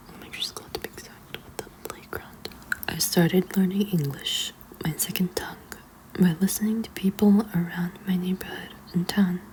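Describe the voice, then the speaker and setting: A woman reads a children's book aloud as ASMR in a hushed, librarian-like whisper. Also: lowish voice, rough recording. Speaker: ASMR reader.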